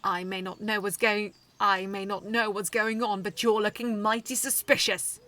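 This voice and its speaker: A woman voicing a brash, hot-headed male robot fighter who shouts in indignation, in a fanfiction read aloud. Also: mid-range voice, little pitch movement, moderate pace, natural voice. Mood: suspicious.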